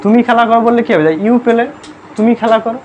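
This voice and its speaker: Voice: medium pitch, little pitch movement, fast talker, a little mellow. A grammar teacher giving a live classroom lesson, constantly quizzing pupils, checking they understand and spelling words out letter by letter. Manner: sternly scolds noisy pupils.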